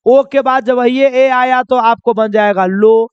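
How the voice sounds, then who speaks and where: Speaking slowly in a very high, smooth voice with a steady tone, a man runs a classroom-style pronunciation lesson. He keeps quizzing his audience with repeated questions and calls them children, and the dry recording has a lo-fi quality.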